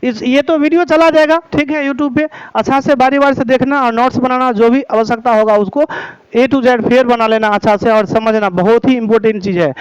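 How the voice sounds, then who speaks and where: Man teacher, very high voice, smooth and clear, dry close sound, step-by-step grammar lesson. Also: steady tone, fairly quick, no room sound, highs cut off. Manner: explains step by step, repeats terms, checks "ठीक है?".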